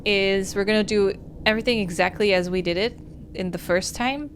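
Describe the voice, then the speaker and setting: This is a woman game streamer on a live playthrough, reading a visual novel aloud and talking through it in an animated storytelling style. Her pitch is medium and her pace brisk, and there's a little hiss or hum.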